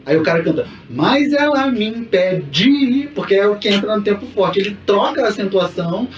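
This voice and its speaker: A man co-hosts a casual podcast and explains things in a relaxed way, often laughing. His voice is a little high. The recording is dull, roomy and distant, with faint background noise. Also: quick pace. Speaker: podcast co-host. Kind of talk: casual chat. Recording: echoey room, distant mic, dull sound, faint noise.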